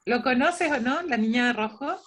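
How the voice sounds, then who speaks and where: Here a librarian trains volunteer storytellers online, her voice on the high side and a little bright, moving at normal speed. Her explanations are chatty, full of restarts and quoted lines of dialogue.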